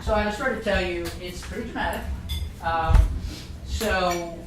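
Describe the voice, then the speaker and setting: Speaking at normal speed in a high-pitched voice, a middle-aged man from Ireland addresses a live group as a guest speaker. His talk is casual and jokey, rambling with frequent restarts, captured noisily by a distant mic in a reverberant meeting room.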